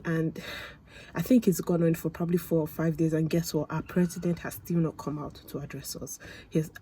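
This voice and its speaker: A woman's voice: sits low, warm tone, a little hiss or hum, poor audio. A young woman vlogging to camera, chatty and rambling with lots of fillers. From Nigeria. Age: young adult. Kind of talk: casual talk to camera.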